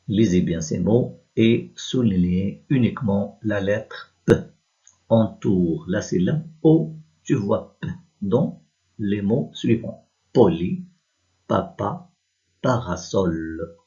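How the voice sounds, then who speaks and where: A man teaching young children to read, slowly spelling out letters, sounds and syllables. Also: on the low side, dark tone, highs cut off. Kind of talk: reading lesson for young children.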